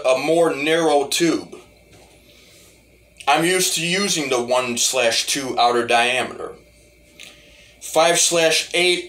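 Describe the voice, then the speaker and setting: A hobby musician who uses a talk box rambles casually through a demo, often going back to repeat the start of a phrase. His fairly high voice sounds pushed and bright.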